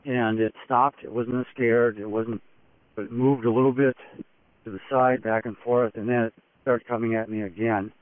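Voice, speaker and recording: A man speaks at a middling pitch over a narrow, phone-like radio link with a dry sound. He gives an expedition field report off the cuff, in short, halting phrases. His delivery is matter-of-fact. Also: fairly even intonation, no echo. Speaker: expedition explorer giving a daily report. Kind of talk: unscripted first-person field report.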